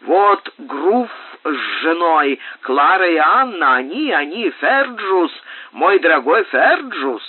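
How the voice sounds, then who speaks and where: A boastful, excitable old sea captain, as a man reading a storybook puts him on, rambling on loudly. His voice runs high and jumps about. Dry, phone-thin sound. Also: slow pace, slightly rough, no echo, narrow, tinny audio, full character voice. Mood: excited.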